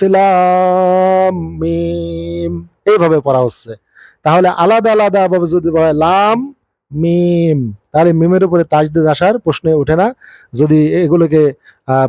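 A man with a fairly high voice gives a religious lesson on Quran recitation. He explains in a measured, hesitant way, pausing on fillers and drawing out each letter name. The sound is dry and close, with no room around it. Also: mellow, no echo. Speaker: Islamic teacher.

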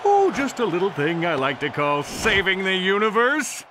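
Captain Quark, a pompous blowhard hero. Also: male voice, sits high, big pitch swings, moderate pace, a little hiss or hum, heavily acted. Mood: boastful. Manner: pompous, showy announcer delivery. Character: boastful cowardly male superhero captain. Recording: game cutscene with loud music.

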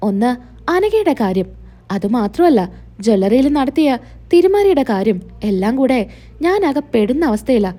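A woman's voice: fairly high pitch, big pitch swings, normal speed, dark tone. A woman voicing a scheming young husband who talks in a soothing, falsely sweet way. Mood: coaxing.

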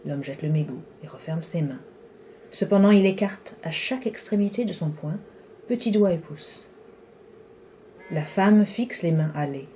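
Woman author reading her novel, low mellow voice, slow and measured. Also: a little hiss or hum. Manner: measured, unhurried. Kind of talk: literary reading. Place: Paris.

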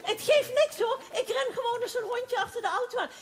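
A woman acting an excitable gossiping townswoman in a stage play, rambling and breathless with giggles. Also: very high voice, fairly quick, crowd noise. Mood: excited gossip.

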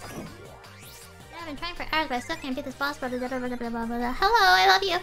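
A young woman with a high, bright, sharp voice streams a game, rambling playfully between lines she reads aloud. She talks close to the mic at home, with faint game music underneath. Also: fast talker. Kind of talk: casual live game commentary.

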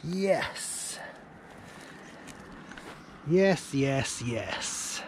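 Slow-talking man vlogging on a windy riverbank. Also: fairly high pitch. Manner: laid-back, says "man" and "dude" a lot, excitable when he lands a fish. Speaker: angling vlogger. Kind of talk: casual fishing vlog. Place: outdoors on a grassy riverbank. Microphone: action camera held close or set nearby. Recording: outdoor wind and ambient noise.

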